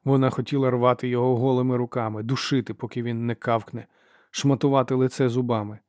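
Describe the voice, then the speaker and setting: A man's voice: mid-range voice, little pitch movement, quick pace, a little mellow, no room sound. Male audiobook narrator, dry close sound. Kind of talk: scripted narration.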